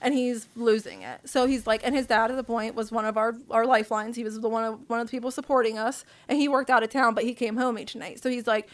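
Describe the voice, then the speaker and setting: A woman's voice: fairly high pitch, quick pace, few pauses. A woman guest on a podcast, telling her own story in a candid, casual and profane way.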